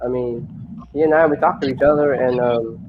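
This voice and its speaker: A man's voice: medium pitch, fairly even intonation, brisk. A man in a casual live-stream chat, eager and stumbling over his words, over dull, noisy audio. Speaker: participant in a toy collector live chat.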